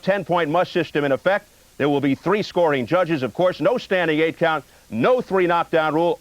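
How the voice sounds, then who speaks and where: A man giving a matter-of-fact sports broadcast rundown as a boxing commentator, crisply presented. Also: on the high side, dry recording, highs cut off. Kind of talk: sports broadcast rundown of fighter statistics and rules.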